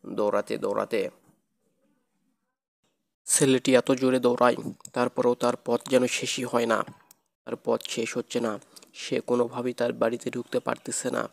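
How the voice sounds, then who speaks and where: A man's voice: mid-range voice, vocal fry. A man narrating a children's cartoon ghost story in a plain, repetitive storytelling manner.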